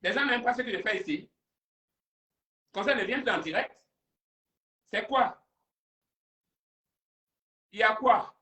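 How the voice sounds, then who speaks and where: A man's voice: high-pitched, a little slow, long pauses, pushed and bright. A man hosting a live stream and taking callers, talking in a theatrical, confrontational way. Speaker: livestream host. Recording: roomy sound, distant from mic.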